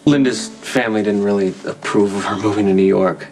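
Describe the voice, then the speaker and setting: An actor playing a reassuring young man on the run, speaking in a soothing, steady way, in a soap opera scene. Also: on the low side, brisk, slight background noise, close to an everyday voice. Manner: soothing, steady, gently teasing. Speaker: fugitive hiding under a false name. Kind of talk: daytime soap opera acting. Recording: soap scene with music bed.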